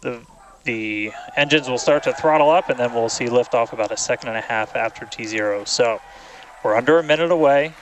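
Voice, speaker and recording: A man's voice: medium pitch, steady tone, fairly quick, low-quality recording. Man commentating live over faint noise. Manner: explanatory, informal. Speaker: launch webcast commentator.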